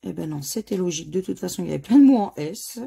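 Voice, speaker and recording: A woman from France commenting as she scratches lottery tickets, spelling out letters one by one in a slightly hoarse voice. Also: fairly low pitch, animated, fast, mellow. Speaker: scratch-card video host. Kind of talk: casual scratch-card commentary.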